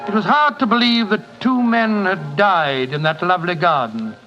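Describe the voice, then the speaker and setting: An actor playing an earnest, hesitant English doctor with a British accent and a blustery, halting manner in a 1940s radio drama. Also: male voice, high voice, music in the background, lightly acted. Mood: sombre storytelling. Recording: dull, noisy 1940s radio recording.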